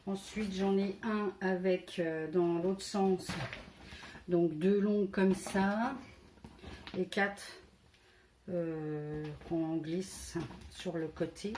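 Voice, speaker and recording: A woman's voice: on the low side, fairly even intonation, drawn-out words, background noise. A woman from France presenting a casual scrapbooking haul, hesitant and full of fillers, counting items aloud as she shows them. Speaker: scrapbooking vlogger.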